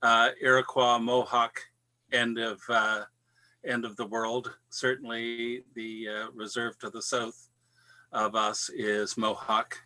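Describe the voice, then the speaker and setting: A man introduces himself on a video call, slow and full of fillers. His voice is strikingly bright and forceful. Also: medium pitch, little pitch movement. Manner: hesitant, halting, many fillers. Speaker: participant.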